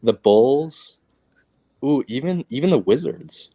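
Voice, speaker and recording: A man's voice: mid-range voice, animated, slow pace, dark tone. A man co-hosting a casual sports chat over a phone, talking loosely with lots of ums and likes. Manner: loose, filler-heavy, many ums and likes. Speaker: co-host.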